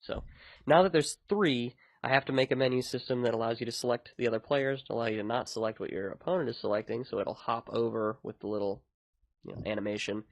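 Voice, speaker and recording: A man's voice: medium pitch, steady tone, fast talker, no echo. A man hosting a podcast, talking in a casual, rambling way about his own work. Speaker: podcast host and indie game developer.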